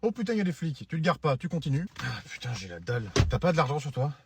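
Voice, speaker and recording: A man's voice: on the high side, very animated, fast talker, breathy edge, soft background music. A man playing an exasperated driving instructor in a comedy sketch, scolding his student.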